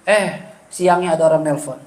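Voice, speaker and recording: A man's voice: sits high, brisk, roomy sound. A man preaching in a casual storytelling way, acting out conversations and laughing. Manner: animated, acts out dialogue with laughter.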